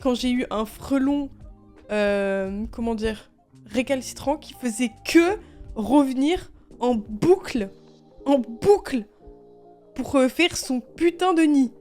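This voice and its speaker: A young woman streamer telling stories casually while gaming, animated and exasperated, swearing and laughing often. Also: sits high, takes it slowly, soft background music.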